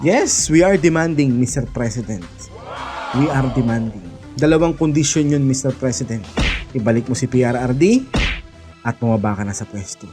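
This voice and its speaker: A man's voice: medium pitch, lively intonation, normal speed. A man giving a heated, mocking political rant, often laughing scornfully and swearing as he addresses the president and his viewers directly. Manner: speaks directly to the president and to viewers as "mga idol". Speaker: political vlogger. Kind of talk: ranting political commentary. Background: background music.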